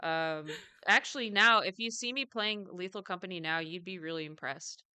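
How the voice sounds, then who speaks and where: Chatty woman with a bright, crisp voice. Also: lowish voice, moderate pace, dry recording. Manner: chatty, lots of fillers and self-corrections; self-described jumpy. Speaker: podcast co-host. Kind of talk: casual podcast chat.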